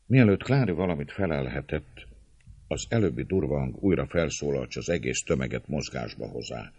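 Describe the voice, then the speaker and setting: A man reads a classic novel aloud as an audiobook, in a very deep voice that still moves with lively, expressive melody. His delivery is measured and storytelling, and the recording is dry and close. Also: breathy edge, dry recording.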